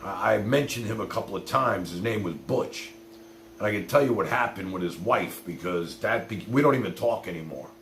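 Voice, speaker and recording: His voice is lowish but fairly bright and expressive, moving at a moderate pace. A middle-aged livestream host, he rambles bluntly through personal anecdotes for live viewers, cursing now and then and leaning on "you know." The room echoes, with faint hum and noise present.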